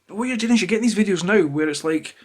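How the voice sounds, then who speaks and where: A Scottish YouTuber, an adult parent of a toddler, rants to camera unscripted, rambling, irritated, opinionated and swearing plenty. His high-sitting voice is animated, racing and a little mellow, picked up by a camera held or placed close to him.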